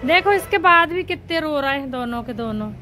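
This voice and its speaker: A woman's voice: high-pitched, expressive, fairly quick, bright, forceful tone, soft background music, poor audio. A woman in her thirties filming a family vlog, coaxing and soothing her crying children in casual talk. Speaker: vlogger and mother.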